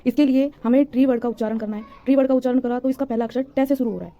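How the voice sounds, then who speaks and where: A woman's voice: sits high, very fast, lo-fi sound. A woman teacher giving a grammar lesson, patiently repeating points and answering her own questions.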